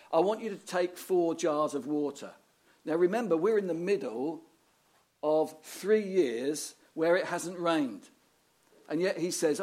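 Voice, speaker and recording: A man's voice: fairly high pitch, a little mellow. A man preaching a sermon, telling the story with rhetorical questions and dramatic readings of scripture.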